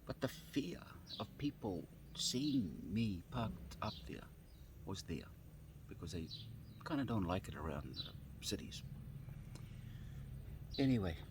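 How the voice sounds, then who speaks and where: Man, very deep voice, casual storytelling, halting, repeats himself, outdoors with faint birds behind. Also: noisy background. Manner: halting, repeats and restarts phrases. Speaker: vlogger. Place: outdoors on grass.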